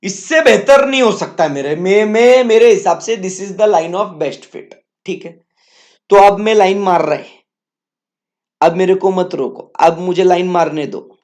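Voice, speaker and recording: A man's voice: high voice, unhurried, a little mellow. A male teacher giving a lecture, bantering playfully with his students in slang and repeating his questions to the class.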